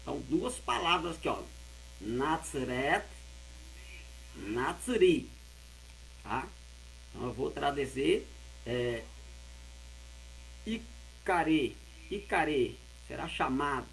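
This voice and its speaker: Man teacher, unhurried gravelly delivery, slightly high voice, mains hum behind. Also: sing-song, fairly bright tone, low-quality recording. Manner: slow, careful, repeats and spells out words. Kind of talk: explaining Hebrew words of a Bible verse.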